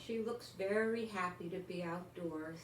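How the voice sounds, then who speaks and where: In a roomy home recording with some faint noise, an older woman with a lowish, unhurried voice reads a picture book expressively. She draws out words and chats aside as if speaking to little kids.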